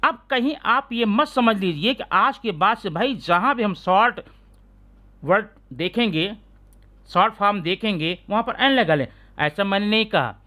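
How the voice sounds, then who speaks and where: Lively-voiced male grammar teacher. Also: high-pitched. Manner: keeps asking students rhetorical check questions; sounds out letters slowly and deliberately. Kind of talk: classroom-style lesson explanation.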